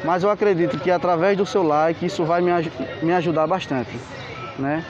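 A travel vlogger with a Pernambuco Portuguese accent films a walking tour of an outdoor street market on a handheld camera, pointing things out and asking viewers for likes. His voice sits on the high side, steady and at normal speed, and the lo-fi audio catches crowd and street noise.

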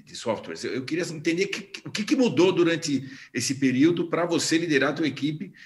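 A man moderating a panel on a video call, chatty and jovial with his guests. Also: on the high side.

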